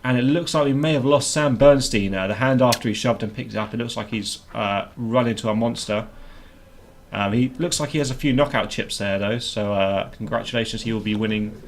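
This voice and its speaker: A man's voice: medium pitch, brisk. Male live-stream commentator, mid-range voice, informal and jokey, some ambient noise behind him. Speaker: poker stream commentator and host. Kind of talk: casual live commentary and banter. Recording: noticeable background noise.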